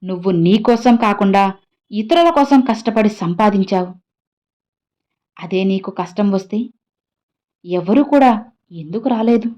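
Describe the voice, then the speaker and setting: A compassionate old holy man, as a woman reads him out, speaks softly to a grieving devotee. His voice is mellow and warm. He pleads tenderly and keeps calling the listener his child. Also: medium pitch, unhurried, pauses often, natural voice. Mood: consoling. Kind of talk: devotional message voiced in first person.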